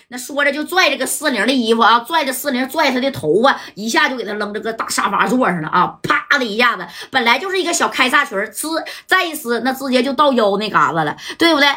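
A woman telling a lively, colloquial gangster story full of spoken sound effects. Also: on the high side. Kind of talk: lively oral crime storytelling.

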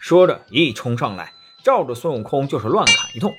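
A man narrating a children's story in a lively, expressive way. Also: mid-range voice, brisk, loud music behind the voice.

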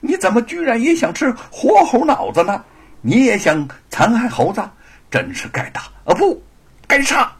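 A man voicing an indignant, righteous male scholar who scolds loudly. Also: mid-range voice, very animated, normal speed, breathy edge. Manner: loud, scolding.

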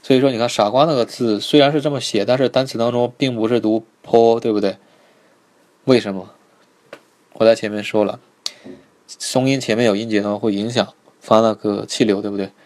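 A man teaching a live online pronunciation lesson, patiently repeating each sound slowly and checking in with his students. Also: fairly low pitch, steady tone, a little mellow. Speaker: Korean language teacher.

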